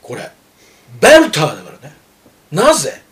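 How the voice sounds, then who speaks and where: Older guy on a radio show, high voice that jumps all over, gruff, likes to lecture and tease. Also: moderate pace. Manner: gruff, lecturing and teasing, animated storyteller. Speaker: horse racing pundit. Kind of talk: casual radio chat.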